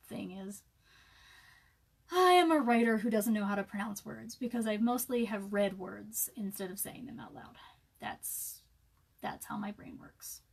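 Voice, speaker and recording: A woman in her thirties talks casually to her live-stream viewers in a slightly high voice. She rambles and mocks herself, full of ums and likes. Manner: rambling, chatty, self-mocking, many fillers. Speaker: author live-streaming a reading.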